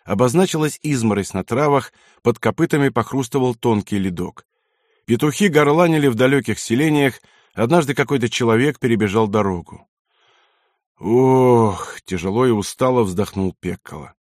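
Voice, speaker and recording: A man narrating a war novel as an audiobook, reading in a measured, dramatic way. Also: mid-range voice, no room sound, studio quality. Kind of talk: scripted narration.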